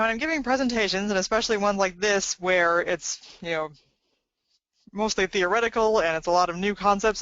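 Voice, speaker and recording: A woman gives a webinar presentation with a bright, forceful tone and a smooth, crisp voice. She talks conversationally and often fills pauses with "um". The audio is slightly dull and dry, as from a computer microphone. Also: fairly low pitch, dry recording. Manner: conversational, with frequent fillers.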